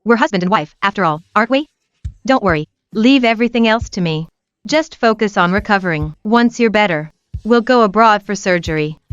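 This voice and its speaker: An actress playing a commanding, fiercely protective young wife in a dubbed melodrama. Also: female voice, medium pitch, expressive, fairly quick, clear, resonant tone, no room sound, lightly acted. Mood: tender. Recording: slightly dull, music behind.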